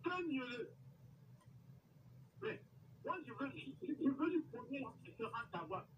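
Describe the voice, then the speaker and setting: A male caller on a radio phone-in sounds exasperated and insistent, repeating himself for emphasis. His voice comes through a dull, lo-fi line, somewhat distant from the mic, with some lively rises in his pitch. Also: slow pace, slight background noise. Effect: phoned-in caller voice over radio. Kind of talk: call-in comment.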